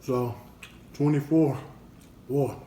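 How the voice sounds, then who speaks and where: Man, laid-back eating-challenge vlog, chatty and unhurried, mid-pitched voice, roomy echo, faint hiss. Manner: relaxed, unhurried, chatty with fillers. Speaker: family channel vlogger.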